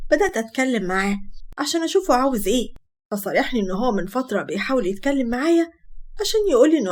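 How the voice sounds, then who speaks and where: A bashful young college girl in an Egyptian Arabic storybook tale, as the narrator plays her, chattering quickly in a fairly high voice. She gushes and blushes as she speaks. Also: a little hiss or hum, natural voice. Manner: bashful, gushing. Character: shy excited young woman, college student.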